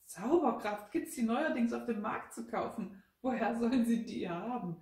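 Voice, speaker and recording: A woman's voice: a little high, sing-song, slow pace, mellow, voice pushed up. A woman voicing a skeptical young maid who talks in a sarcastic, mocking way. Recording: roomy, from a distance.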